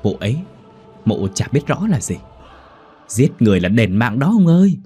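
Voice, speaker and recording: A man voicing a scheming, sharp-tongued middle-aged wife who eggs her husband on, in a Vietnamese ghost story. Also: mid-range voice, very animated, moderate pace, breathy edge, soft background music.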